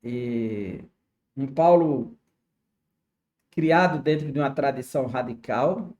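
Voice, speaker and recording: A man's voice: mid-range voice, takes it slowly, darkish tone, highs cut off. A man with a Brazilian Portuguese accent teaching a Sunday school Bible lesson, explaining as he goes and often checking in with "né?". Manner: explanatory, with frequent "né?" and "tá certo?" checks.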